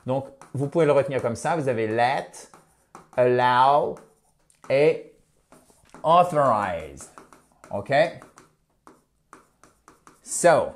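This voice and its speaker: Guy teaching english online, explains step by step, slows right down on the english words. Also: medium pitch. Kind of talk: online language lesson.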